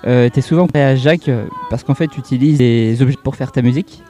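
A man hosting a live radio interview from an outdoor festival, relaxed and casual, laughing easily. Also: medium pitch, fast talker, soft background music. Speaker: radio host.

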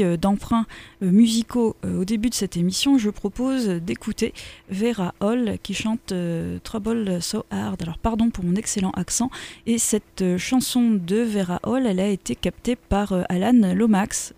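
A woman hosting a radio show, introducing music and guests in a halting way with many filler sounds. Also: medium pitch, gravelly, mellow. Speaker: radio host.

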